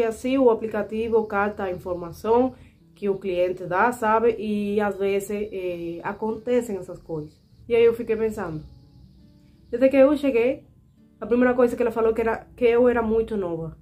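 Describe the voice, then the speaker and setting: A Cuban woman in her twenties, speaking Portuguese as a second language with a Cuban Spanish accent, chatting casually to her viewers as she tells a story. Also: fairly high pitch. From Cuba. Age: 20s. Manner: chatty, animated, frequent fillers and asides to viewers. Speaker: vlogger.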